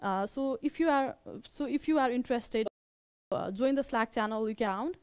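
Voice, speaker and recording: A young woman with a Nepali accent, the organizer of a meetup, gives a casual presentation in fits and starts, often repeating and rephrasing. Her voice is fairly high, slightly mellow and clean, with no echo.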